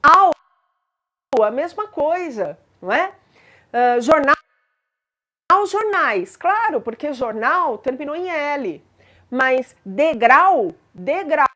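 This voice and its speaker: A woman's voice: high-pitched, sing-song, takes it slowly, long pauses, sharp tone. A woman teaching grammar in a patient explanatory lesson, spelling out examples and checking in with listeners.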